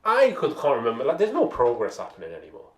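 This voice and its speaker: A man's voice: mid-range voice, wildly swooping pitch, fast talker, darkish tone. Grumbling male podcast co-host, ranting in a roomy space with faint background noise. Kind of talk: casual comedy podcast chat.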